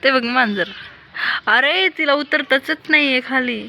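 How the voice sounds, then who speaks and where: A woman's voice: high voice, a little slow, vocal fry, bright, forceful tone. A young woman vlogging on a rooftop terrace with a phone, chatting to the camera and coaxing her small child with questions. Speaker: vlogger and mother. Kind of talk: casual home vlog, talking to camera and child. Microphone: handheld phone camera. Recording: noisy outdoor phone audio.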